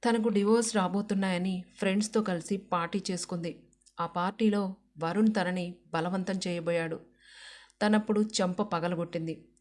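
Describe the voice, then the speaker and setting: A woman's voice: fairly low pitch, steady tone, normal speed, a little mellow. Woman reading a story aloud. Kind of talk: scripted story narration.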